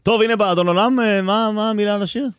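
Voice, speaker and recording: A man hosting a casual radio interview in a studio, playful and quick to laugh. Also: high voice, clean tone, no room sound. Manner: lively, playful, laughs often. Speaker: radio host.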